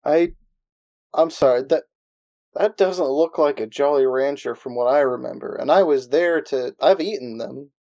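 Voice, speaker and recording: Male tabletop player with a dark, mellow voice; dry wry remarks; close dry sound. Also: mid-range voice, normal speed, no room sound. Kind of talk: casual tabletop game chat.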